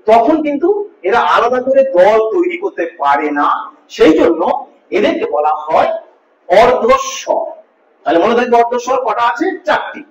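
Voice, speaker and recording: Very high-voiced male teacher, echoey and distant. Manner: patient, repeats points, asks students questions. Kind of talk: classroom grammar lesson. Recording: echoey room, distant mic, dull lo-fi.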